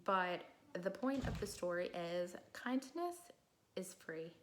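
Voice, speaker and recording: A woman's voice: lowish voice, sing-song, takes it slowly, slight background noise. A middle-aged woman telling an earnest story in a casual home vlog, chatty with many fillers. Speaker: vlogger.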